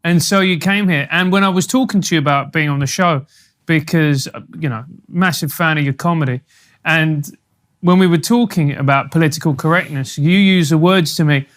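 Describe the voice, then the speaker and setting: A man co-hosting an interview podcast, talking quickly and friendly. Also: a little high, a bit bright. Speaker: podcast co-host. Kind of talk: casual interview chat.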